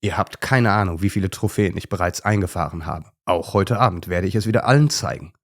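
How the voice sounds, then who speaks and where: A man's voice: low voice, fast talker, no echo, studio quality. A man voicing a proud, boastful male circus elephant in a children's story, showy and full of himself. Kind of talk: storybook character voice.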